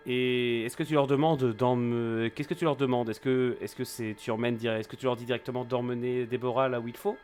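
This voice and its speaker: A man's voice: medium pitch, steady tone, fairly quick, few pauses, a little mellow. A man running a tabletop role-playing game as game master, improvising the narration and feeling for his words. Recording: music behind the voice.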